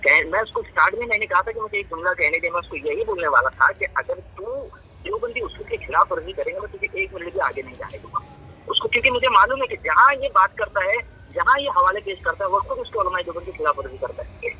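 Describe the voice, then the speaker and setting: Man, heated phone debate, taunting, insistent, very bright tone, lively pitch. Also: fast talker, lo-fi sound, slight background noise. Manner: taunting, insistent, repeats his question. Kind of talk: heated religious debate over a phone call.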